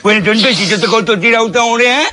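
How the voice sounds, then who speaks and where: A man's voice: very high voice, quick pace, sharp tone. A man telling a joke among friends in a rambling, repetitive way.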